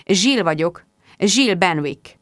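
A woman's voice: on the low side, lively intonation, dry recording, clean studio sound, natural voice. A woman playing an earnest, refined little man.

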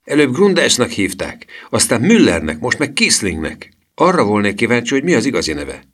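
A man voicing a cheeky boy who talks loud and high. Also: fairly even intonation, lightly acted.

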